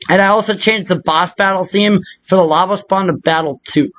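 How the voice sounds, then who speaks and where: In a loose, improvised screen-share walkthrough of game modding, the tutorial presenter rambles irreverently and thinks out loud. His voice is notably high, fairly bright, and a little fast, with no echo.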